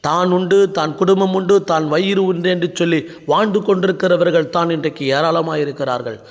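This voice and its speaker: A man's voice: a little high, a little fast, long reverb tail, muffled recording. A man preaching a sermon and praying as a pastor, with repetitive, pleading exhortation. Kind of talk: sermon and prayer.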